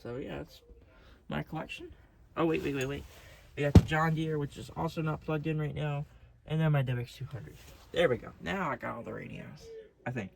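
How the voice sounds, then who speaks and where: An American radio collector gives a casual, unscripted tour of his collection indoors at home, rambling, hesitating, and correcting himself often. His slightly high voice has vocal fry, fairly even intonation, and a slightly fast pace. Noise is audible in the background.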